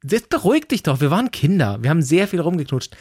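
Man, 30s, quick and lively co-host, acts out quotes, dry close sound. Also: a little high, breathy edge, no room sound. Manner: animated, acts out quoted dialogue. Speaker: podcast co-host. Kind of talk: casual chat.

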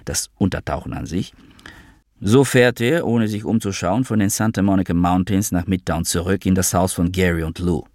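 A man narrating a literary audiobook in a wry, measured storytelling manner. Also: low voice, dry recording, clean studio sound.

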